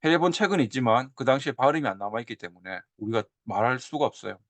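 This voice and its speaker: 옛 문헌을 보여 주며 예시 발음을 되풀이해 가며 강의하는 남자 교사. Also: male voice, medium pitch, fast talker, no echo. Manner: animated, drawls and repeats example sounds. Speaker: teacher. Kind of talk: lecture on old Korean script.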